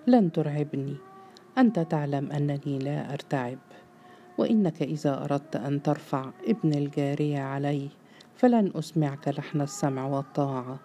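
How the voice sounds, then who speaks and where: امرأة تؤدي صوت ابن غاضب متمرد. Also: female voice, low-pitched, fairly quick, slight background noise. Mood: furious. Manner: shouting, scornful. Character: furious, defiant grown son.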